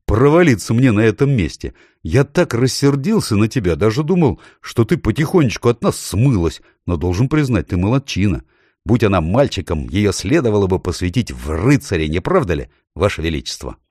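A man reading an audiobook, voicing an excitable, irritable schoolboy. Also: on the low side, fairly quick, no echo, studio quality, voice pushed up. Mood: excited.

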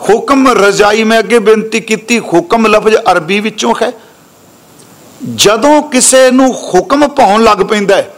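A man preaching a scriptural exposition sermon, slowly intoning quoted verses and then explaining them in quick, conversational speech, correcting his listeners' pronunciation. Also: high-pitched, fairly bright tone. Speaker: Sikh preacher.

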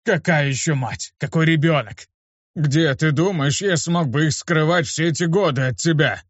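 A man's voice: on the high side, moderate pace, dry recording, voice pushed up, close to an everyday voice. Brief: male reader as a blunt, barking tough guy, raised voice, lo-fi and dry. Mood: shouting. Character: gruff adult man, irritable slum teacher. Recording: dull lo-fi dry recording.

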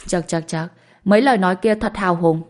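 A woman's voice: lowish voice, brisk, a little mellow, lightly acted. A woman voicing a playful, teasing young wife in an audiobook. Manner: teasing, mischievous. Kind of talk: audiobook character voice.

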